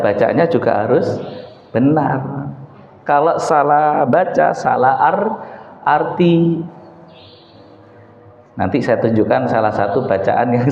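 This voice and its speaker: A Javanese-accented man preaching in an unhurried, drawn-out way, dropping low and then jumping high as he drills pronunciation. He is heard in a large hall with a long, roomy reverb. The sound is dull and lo-fi. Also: vocal fry, darkish tone, a little hiss or hum. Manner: switches to Javanese, drills Quran letter sounds; slow and deliberate, voice rising and falling sharply. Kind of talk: religious study talk.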